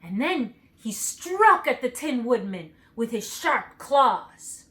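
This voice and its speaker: A woman reads a children's storybook aloud with cheer, her voice pitched a little high. Her intonation rises and falls in a very lively way, made for young listeners. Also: takes it slowly. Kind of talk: reading a children's book aloud.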